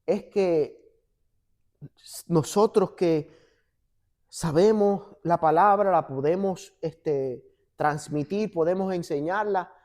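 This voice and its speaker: A man's voice: high-pitched, slow, long pauses. A man, a pastor, preaching in a church and acting out dialogue as he tells stories. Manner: animated storytelling, acts out dialogue. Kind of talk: sermon with church banter. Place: church sanctuary.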